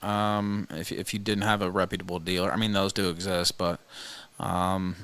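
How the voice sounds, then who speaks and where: A man hosting a livestream with casual commentary, speaking hesitantly with pauses. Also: deep voice, level tone, fairly bright tone, clean tone, no room sound. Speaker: livestream host.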